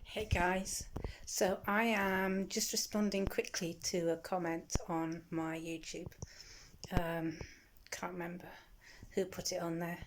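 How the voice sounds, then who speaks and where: A middle-aged woman chats straight to camera in a relaxed vlog. Her talk is candid and rambling, with the ease of someone confiding in regular viewers. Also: fairly low pitch, takes it slowly, a little hiss or hum. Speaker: vlogger and shop security guard. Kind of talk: casual vlog chat.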